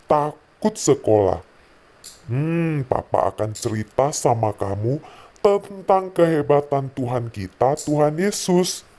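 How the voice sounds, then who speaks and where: A man's voice: mid-range voice, mellow. A man voicing a patient father who tells his child a Bible story at bedtime, speaking in a soothing way. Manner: soothing, acts out voices in the story.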